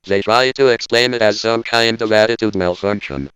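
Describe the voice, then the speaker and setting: A man playing an indignant robot spokesman who delivers a stiff, deadpan lecture in a smooth, resonant voice. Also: on the low side, moderate pace, lightly acted, low-quality recording. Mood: stern. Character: indignant male robot spokesman, cold and logical. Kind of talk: scripted parody monologue.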